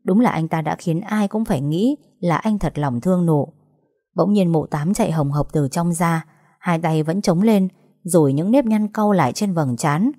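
Warm, low-voiced woman narrating a story. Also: normal speed, no room sound, clean studio sound.

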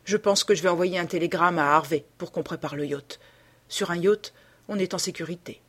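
A woman reading a troubled, weary young gentleman. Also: fairly low pitch, fairly quick, lightly acted. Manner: sad, subdued, uneasy.

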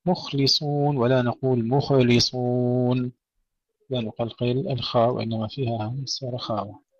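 A man's voice: mid-range voice, level tone, darkish tone, husky, no echo. Guy teaching quran recitation rules, mid voice, dry muffled lo-fi recording, stretches out the examples. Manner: explains pronunciation slowly, then recites each example drawn out. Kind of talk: tajweed lesson with recited examples.

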